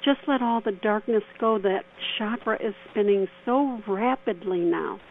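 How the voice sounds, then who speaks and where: Woman host doing a gentle guided meditation, slow n soothing, phone-like sound w/ a bit of noise. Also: mid-range voice. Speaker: radio host and spiritual counselor. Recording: tinny phone-like band, faint noise.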